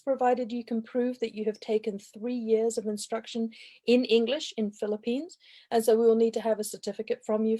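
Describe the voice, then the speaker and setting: A woman's voice: a little high, darkish tone. A woman giving an informative college presentation in a webinar, talking steadily with frequent ums.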